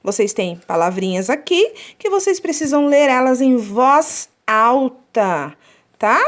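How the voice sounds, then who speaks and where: Woman teaching young children, lively, sing-song delivery, drawing out syllables and checking in with the class. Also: high-pitched. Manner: slow, drawn-out syllable counting; checks with "tá?" often. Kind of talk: children's lesson.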